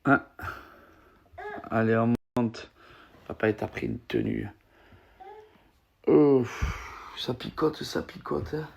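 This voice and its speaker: A man's voice: medium pitch, slow, vocal fry, long pauses, darkish tone, husky. A man, a father playfully teasing and cooing at his baby in a casual family video. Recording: noisy phone video.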